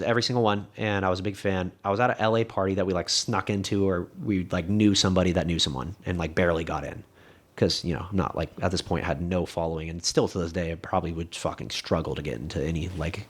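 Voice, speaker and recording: A young man with a slightly low voice and a faint lisp, chatting loosely as a podcast guest. He rambles, restarts his sentences and swears freely. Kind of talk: casual conversation.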